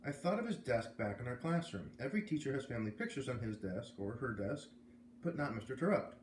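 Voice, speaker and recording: Very animated and quick, this American man with a mid-range voice plays storyteller for a children's novel, reading it aloud with casual asides. Faint background noise sits under a roomy echo.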